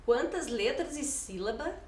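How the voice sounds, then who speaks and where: A woman's voice: sits high, expressive, a little slow, a little mellow. A Brazilian woman co-teaching a video lesson for schoolchildren, wondering aloud and answering her colleague's questions. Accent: Brazilian Portuguese.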